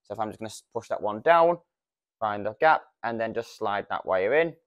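On a lavalier lapel mic, a British man in his thirties runs through an informal, practical product demonstration, step by step. He speaks briskly and smoothly in a lowish voice with lively intonation.

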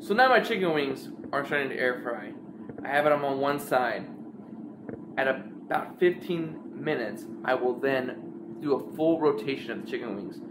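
A medium-pitched young man jokes his way through a home kitchen cooking tutorial, talking casually to the camera as he cooks. Background noise comes through the wide-angle camera mic sitting on the counter.

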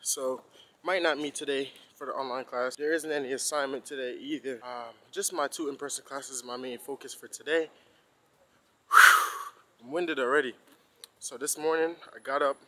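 A young man talks in a relaxed, loose way while he walks across campus, with his phone held out in front of him. His voice sits at an ordinary middle pitch. A faint hum of outdoor air runs behind him. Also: a little fast, poor audio. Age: young adult. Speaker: college student vlogger. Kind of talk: casual walking vlog.

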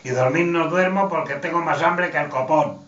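A rambling, lovesick young suitor, as a man reads him in a joke, pleading in a soft, everyday voice. The sound is roomy and dull, coming from some distance. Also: on the high side, moderate pace, lightly acted. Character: lovesick young male suitor writing a letter.

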